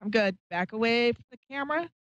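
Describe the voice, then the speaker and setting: A radio talk show host and psychic medium runs a live call-in show, chatty, scattered and self-deprecating. Her voice is fairly high, animated, fast and fairly bright, and the live stream audio sounds dull and roomy.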